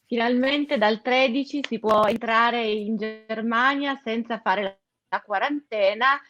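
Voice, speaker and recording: A woman's voice: on the high side, takes it slowly, a bit bright, muffled recording. A woman giving an informal explanatory news update, speaking emphatically and stressing her key words.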